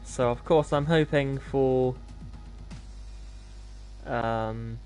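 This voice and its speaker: A man's voice: medium pitch, very slow, darkish tone, faint music behind. A man hosting a gaming livestream, talking in an informal, laid-back, self-deprecating way as he commentates. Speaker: live streamer hosting gameplay.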